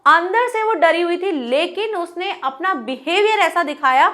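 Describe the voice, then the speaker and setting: A woman teacher with a high, light voice talks students through a lesson. She mixes English terms into her explanation, poses rhetorical questions, and acts out little bits of dialogue to make her points. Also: lively intonation, measured pace, fairly bright tone. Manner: explains in Hindi mixed with English words, asking herself rhetorical questions.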